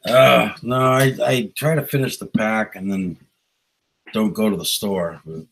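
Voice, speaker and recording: A man's voice: on the low side, fairly even intonation, a little slow, gravelly, poor audio. A man hosting a casual live stream, rambling in a laid-back way and greeting viewers by name, on a small novelty mic. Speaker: livestream host. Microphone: small novelty microphone.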